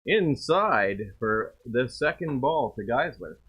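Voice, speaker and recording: A man with a Canadian accent doing play-by-play baseball commentary, chatty and quick to laugh at himself. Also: medium pitch, big pitch swings, breathy edge. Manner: chatty, self-deprecating, laughs easily. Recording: dull lo-fi stream audio.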